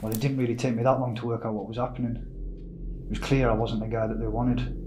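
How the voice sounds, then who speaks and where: A man playing a witness telling his story under questioning, loose and hesitant, full of "like" and "well." His mid-pitched voice rings in a roomy interview room with faint noise behind. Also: level tone, quick pace, close to an everyday voice. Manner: hesitant, casual, filler-heavy. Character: young male witness recounting a kidnapping.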